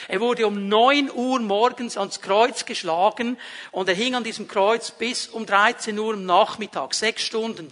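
Male preacher, very high voice, emphatic and rising in force through repetition. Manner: emphatic, building to loud repeated phrases. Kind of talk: sermon.

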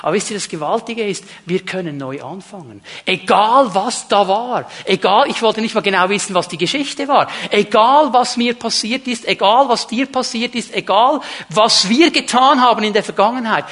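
A man's voice: high voice, normal speed, hardly any pauses, a bit bright. A man preaching a sermon to his congregation, emphatic and repeating key words, speaking to the listeners directly. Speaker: pastor.

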